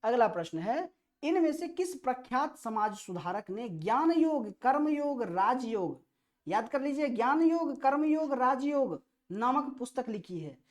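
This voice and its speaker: High-pitched and very animated yet unhurried, with a darkish tone, a woman with an Indian accent leads an exam-prep session. It's a history quiz where she reads questions out and explains them, stressing key phrases by repeating them.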